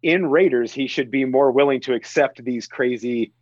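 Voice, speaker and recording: A talkative man on a podcast who chats about films in a loose, animated way, laughing often. His voice sits in a middle register. The recording is dull and dry, with no room sound. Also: medium pitch, moderate pace, dry recording. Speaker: podcast guest. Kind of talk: casual film chat.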